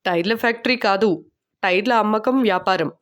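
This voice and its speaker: A woman's voice: mid-range voice, a little fast, fairly bright tone, lightly acted. Woman reading as a dry, touchy male lecturer.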